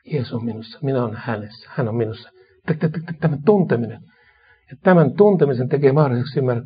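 A man preaching a sermon and leading a slow, repetitive prayer. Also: medium pitch, breathy edge. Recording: dull lo-fi recording.

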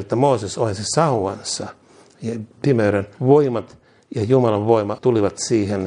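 Earnest Finnish preacher man, dark husky voice. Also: lowish voice. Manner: earnest, repetitive exhortation. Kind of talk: sermon.

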